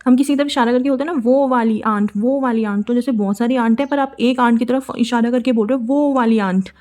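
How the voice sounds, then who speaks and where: Brief: Indian woman vocabulary teacher, fairly high voice, playful and chatty, tells memory tricks as stories. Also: fairly even intonation, quick pace, darkish tone. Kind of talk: casual explaining lesson.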